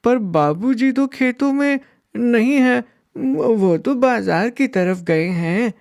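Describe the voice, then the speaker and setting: A man voicing an eager, remorseful young village boy in a cartoon, talking high and excitedly. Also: slow, creaky, clean tone, full character voice. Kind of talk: cartoon voice acting.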